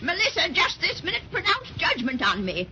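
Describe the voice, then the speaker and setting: A wicked old witch in a vintage radio serial. Her voice is high and swoops dramatically as she gloats and taunts with a cackle. The old recording is dull and noisy. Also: huge pitch swings, moderate pace, bright, forceful tone, full character voice. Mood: scheming. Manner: theatrical, menacing, taunting. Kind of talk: 1930s children's radio serial acting. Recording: muffled, noisy 1930s radio transcription.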